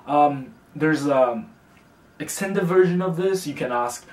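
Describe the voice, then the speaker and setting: Slightly high in pitch, this young adult man from China teaches a casual lesson for beginners in a laid-back, talkative manner. He fills pauses with fillers and says example words slowly and carefully, over and over, and the mic sounds distant and roomy.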